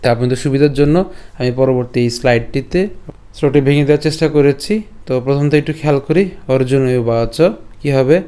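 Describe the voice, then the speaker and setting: A man with a Bengali accent teaching Sanskrit verse pronunciation, slowly drilling each syllable and asking rhetorical questions. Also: mid-range voice, dark tone, clean tone. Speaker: Gita teacher. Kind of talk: recitation lesson.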